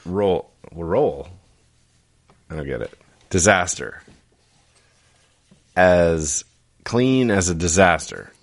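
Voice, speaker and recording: A man co-hosting a casual chat, musing slowly and laughing often. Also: deep voice, expressive, dry recording. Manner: drawn-out musing, quick to laugh. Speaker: co-host.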